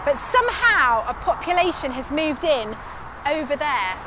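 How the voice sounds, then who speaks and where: Excitable woman hosting a nature doc outside, really high voice, loud music behind. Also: moderate pace. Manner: exclamatory, enthusiastic. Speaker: nature presenter and interviewer. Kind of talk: nature documentary presenting, conversational interview. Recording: strong music bed behind the voice.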